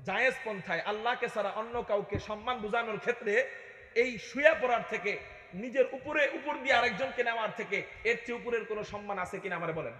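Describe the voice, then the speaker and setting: A male preacher delivering an impassioned sermon to a crowd at an open field gathering, rising to shouts and chanting verses. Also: sits high, fast, roomy sound, in a large hall.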